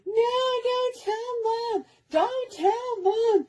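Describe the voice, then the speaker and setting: A woman voicing her young brother as a little boy, hurt and begging in a slow, high, pleading voice. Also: darkish tone, heavily acted. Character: young boy, bleeding, begging his sister.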